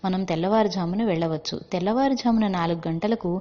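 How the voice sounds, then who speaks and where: A woman's voice: fairly low pitch, fast talker, warm tone, natural voice. A woman voicing a practical old grandfather. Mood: matter-of-fact. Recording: dull lo-fi with long reverb.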